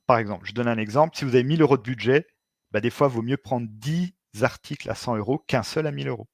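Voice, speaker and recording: A man's voice: medium pitch, no echo, studio quality. A man presenting a webinar as an expert, explaining informally and hesitantly, with frequent filler sounds and restarts.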